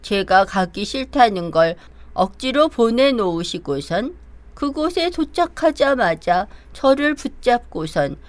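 A woman's voice: fairly high pitch, no room sound. A woman playing a bold, cunning male monkey hero in an audio drama.

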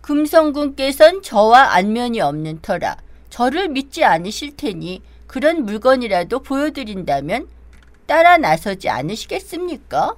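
A woman's voice: fairly high pitch, sing-song, normal speed, dry recording. A woman playing a bold, cunning male monkey hero in an audio drama. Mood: respectful, persuasive.

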